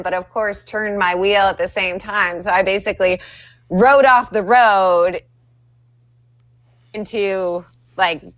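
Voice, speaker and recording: A woman's voice: mid-range voice, a bit bright, no echo. Young woman guest, casual storyteller, laughs often, dry close sound. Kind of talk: casual chat. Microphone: video call.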